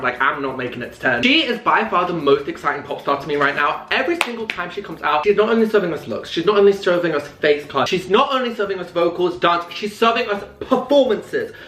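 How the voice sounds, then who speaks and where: A man's voice: on the high side, a bit bright, reverberant. A British man in his twenties chatting to camera in a camp, playful, self-mocking way while eating. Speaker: vlogger. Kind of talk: casual chat to camera. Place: indoor room with an open window.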